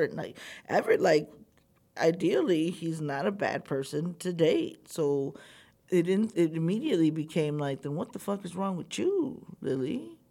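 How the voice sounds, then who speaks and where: A woman's voice: vocal fry, darkish tone. A woman telling a candid personal story, talking openly and with plenty of swearing, acting out the things people said. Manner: candid, profane, acts out quotes with big pitch jumps.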